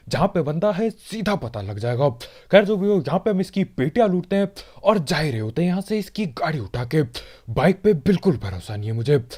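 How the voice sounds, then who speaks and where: A man gives a chatty gameplay commentary, joking and speaking straight to his viewers. His voice sits a little high, swings widely in pitch and has a mellow, soft tone. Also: husky. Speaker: gaming channel host. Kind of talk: casual gameplay commentary voice-over.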